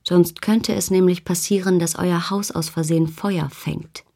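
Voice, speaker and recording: A woman's voice: fairly low pitch, fairly even intonation, measured pace, warm tone. A woman voicing a scheming, domineering man who leads a village, in an audiobook reading, menacing and mocking. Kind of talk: audiobook character voice.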